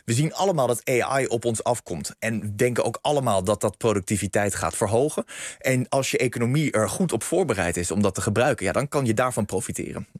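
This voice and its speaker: A male economist who is a guest on a radio interview, explaining in a measured way with lots of filler sounds. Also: mid-range voice, expressive, dry recording, studio quality.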